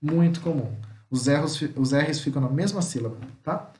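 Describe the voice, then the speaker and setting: A man with a fairly high voice and a Brazilian Portuguese accent, teaching a recorded Spanish vocabulary lesson. He says each word twice, slowly, and then explains it. The room around him is echoey. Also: darkish tone, slight background noise. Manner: repeats words slowly, checks in with "tá?".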